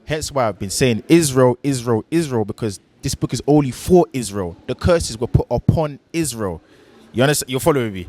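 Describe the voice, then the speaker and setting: Brief: mid-pitched man from Nigeria, insistent religious debater, keeps firing questions. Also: animated, brisk, darkish tone. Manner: pressing, quizzing with questions. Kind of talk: street debate.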